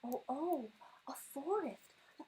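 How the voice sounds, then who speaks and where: A woman with a high, mellow voice reads a picture book aloud to young children, taking it slowly with lively intonation. She acts out the sound words expressively and chats with her little listeners along the way.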